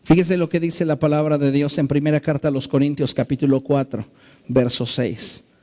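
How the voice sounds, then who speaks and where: Male pastor, high-pitched voice, earnest sermon, slow emphatic phrasing, church sanctuary. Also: fairly even intonation, a little mellow. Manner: earnest preaching, slows and stresses key phrases.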